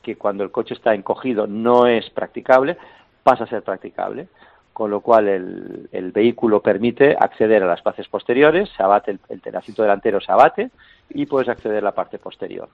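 A man calls in to a radio show, his fairly low voice squeezed through a narrow, dry phone line. He explains in long, meandering turns full of fillers and self-corrections. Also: moderate pace, gravelly, no echo. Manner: explanatory, many fillers and restarts, chuckles now and then. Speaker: interview guest explaining a vehicle.

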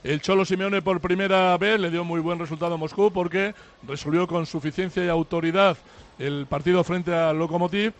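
A man giving an energetic, emphatic team lineup report on live radio. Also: sits high, brisk, dull audio. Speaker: football reporter.

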